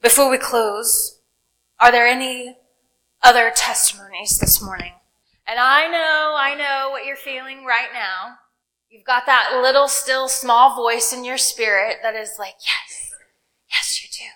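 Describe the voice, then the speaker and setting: Bright-voiced woman pastor preaching slowly. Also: high voice, fairly even intonation, low-quality recording. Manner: preaching with dramatic pauses and rising emphasis. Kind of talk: sermon. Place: church sanctuary.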